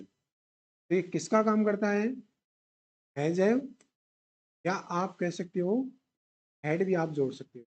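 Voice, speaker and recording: A man's voice: high voice, darkish tone. A male teacher explains grammar rules at a classroom whiteboard in an exam-prep lecture. He keeps posing questions and answering them himself, repeating each key term as he drills the class. He weaves English grammar words into his explanation. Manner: mixes English grammar terms into Hindi explanation.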